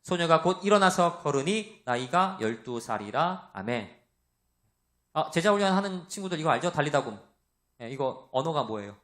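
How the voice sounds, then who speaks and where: A man preaching a sermon to young adults, with a loud voice, asking the congregation questions and acting out the voices he quotes. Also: a little high, big pitch swings, normal speed. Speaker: pastor.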